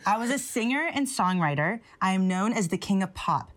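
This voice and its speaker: A young woman hosting a casual show and running a quiz game, bubbly and quick to laugh. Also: mid-range voice, lively intonation, noisy background. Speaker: host.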